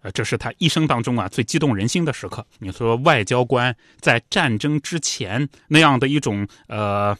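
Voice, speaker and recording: A man narrating history for a podcast in a chatty, animated way. His pitch swings widely as he tells the story, and the recording is close and dry with no room sound. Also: moderate pace, few pauses, no room sound. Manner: animated retelling with conversational tags. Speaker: podcast host.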